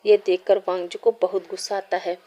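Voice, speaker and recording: A woman narrating a fan fiction story in a steady, even reading voice. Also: mid-range voice, normal speed.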